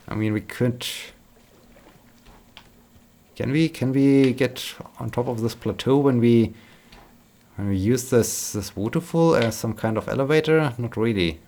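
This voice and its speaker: A man's voice: medium pitch, darkish tone. A man chatting casually while playing a game, rambling and repeating words, tired but upbeat. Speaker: gaming vlogger.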